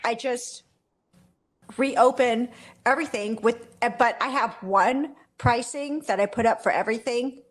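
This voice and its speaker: A photography business owner appears as a guest expert in a casual interview, talking shop in a voice on the high side at a measured pace. She rambles, corrects herself, and laughs softly a lot, and at one point she coughs briefly and sounds hoarse.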